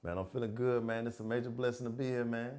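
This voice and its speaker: A man's voice: medium pitch, fairly even intonation, fast, a little mellow. A man co-hosting a podcast, talking in an upbeat, friendly way. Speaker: podcast co-host. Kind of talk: casual chat.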